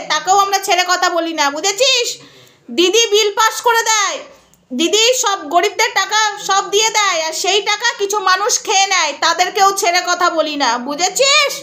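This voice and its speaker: High, bright-voiced scolding woman. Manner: scolding, taunting, rhetorical questions. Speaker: social media vlogger. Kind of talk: angry callout vlog addressed to a rival.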